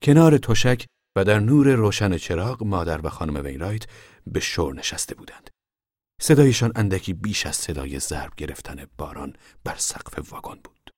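A man reading a novel aloud as scripted narration, measured, dropping low and soft in descriptive passages. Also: lively intonation, dry recording, clean studio sound. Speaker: audiobook narrator.

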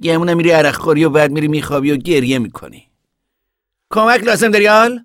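A man's voice: a little high, a bit bright, dry recording, natural voice. Guy doing a blunt impatient young dude, bossy and brusque, dry close sound. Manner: scolding, brusque.

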